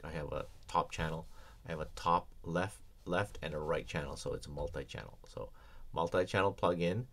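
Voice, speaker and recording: Male audio instructor, low voice, easygoing screencast walkthrough with filler words. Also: fairly bright tone. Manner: casual, explanatory, many ums and restarts. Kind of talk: screencast software tutorial.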